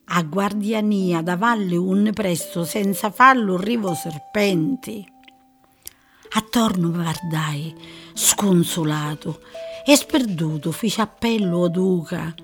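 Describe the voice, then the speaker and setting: A woman with a Sicilian accent giving an expressive, measured dramatic reading of verse. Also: lowish voice. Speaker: reader. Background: faint music.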